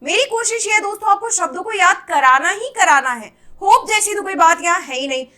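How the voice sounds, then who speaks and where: A woman's voice: very high-pitched, expressive, fairly quick, sharp tone. A woman teaching exam vocabulary, quizzing her students with questions she answers herself. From India. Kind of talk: exam-prep English vocabulary lesson.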